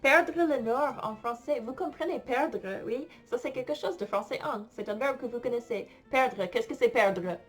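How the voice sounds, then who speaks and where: A woman's voice: a little high, slightly rough, soft background music. A woman teaching a French lesson online, explaining vocabulary in a playful way and sometimes singing for her students. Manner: slow, playful, explains words and sings for students.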